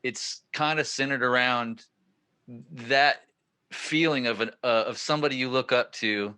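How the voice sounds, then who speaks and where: A man in his forties hosts a podcast and tells a winding story. His voice is bright and forceful, sits at an everyday middle pitch, and rises with excitement as the story peaks. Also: measured pace, clear, resonant tone. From northern California. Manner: excited, rambling storyteller who gets louder at the punchlines. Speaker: podcast host. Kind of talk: casual storytelling chat.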